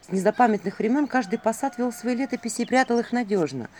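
A woman narrating a fairy-tale audiobook in an expressive, animated storytelling manner. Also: a little high, fast talker, slight background noise.

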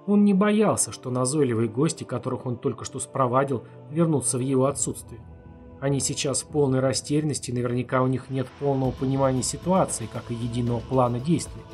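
A man reading a dark novel aloud as an audiobook narrator in an even, measured way. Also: medium pitch. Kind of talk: scripted narration.

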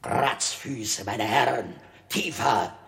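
A man's voice: medium pitch, takes it slowly, gravelly, fairly bright tone. An actor playing a haughty, sardonic, melancholic king in a 1960s German radio play, pompous and theatrical, savouring each phrase. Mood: contemptuous.

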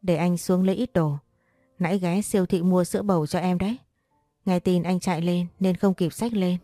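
A woman doing a calm, protective young man. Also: lowish voice, normal speed, no room sound, clean studio sound, soft background music, close to an everyday voice. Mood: soothing. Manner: soothing, pleading.

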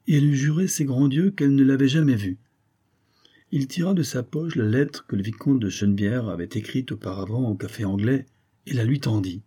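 A man narrating a 19th-century novel aloud in a measured, steady reading. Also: fairly low pitch, slightly rough. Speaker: audiobook narrator.

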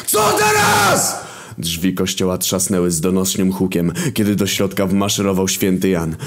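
A man narrating a dark first-person story in an even, steady reading. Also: low voice.

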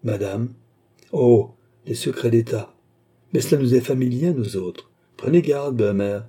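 Marie-Antoinette, a mocking queen, read by a husky man. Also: mid-range voice, a little slow, dark tone, voice pushed up. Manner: teasing, laughing, grand. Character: haughty, mocking adult woman queen.

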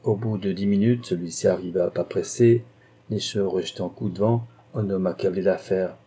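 A man narrating a classic novel as an audiobook in a measured, steady manner. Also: low-pitched, breathy edge.

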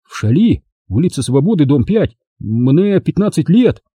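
A man's voice: a little high, very animated, warm tone, slightly rough, no echo, pitched above the performer's own voice, heavily acted. A man voicing a terrified, pleading young male captive in an audiobook. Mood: frightened. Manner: frightened, pleading, halting. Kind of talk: audiobook character voice.

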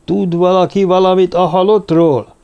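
A man's voice: high voice, level tone, vocal fry, dark tone, clear, resonant tone, muffled recording, pitched above the performer's own voice. A man putting on a screeching fanatical druid mage. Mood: commanding. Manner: screeching, commanding, bloodthirsty. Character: fanatical male druid mage leading a bloody rite. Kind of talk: audiobook character voice.

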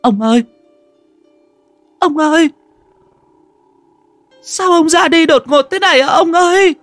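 A man voicing an old village wife who cries and wails in a shrill, drawn-out way over her dead husband, in a told ghost story. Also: animated, fairly bright tone, no room sound, soft background music, heavily acted. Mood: grieving wail. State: crying.

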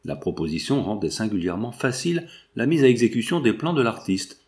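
A man narrating a nineteenth-century novel as an audiobook, in an even literary storytelling manner. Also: fairly low pitch, a little fast. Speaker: audiobook reader.

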